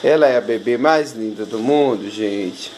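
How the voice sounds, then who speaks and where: A man talking in soothing baby talk to a crying puppy, asking the same gentle questions over and over. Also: medium pitch, unhurried, noisy background. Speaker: puppy owner filming his dogs. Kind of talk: home video, talking to a puppy.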